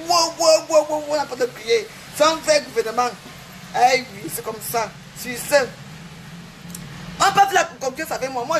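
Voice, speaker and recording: A woman's voice: high-pitched, a bit bright, slight background noise. A woman on a livestream, boasting and mocking her rivals in a repetitive, taunting rant. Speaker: social media livestreamer.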